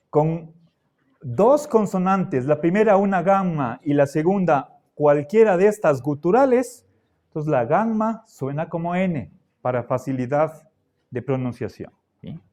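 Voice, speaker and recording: Slow, patient man lecturing. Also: on the high side, expressive, a little mellow. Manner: slow, patient, checks in with frequent "¿sí?" and "¿ya?". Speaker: philosophy teacher. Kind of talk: classroom lecture.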